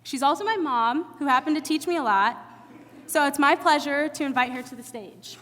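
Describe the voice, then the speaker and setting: A young woman reads an earnest prepared speech as emcee, her voice high and bright. It rings out with a long reverb across a large hall. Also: fairly quick, noisy background. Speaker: student emcee.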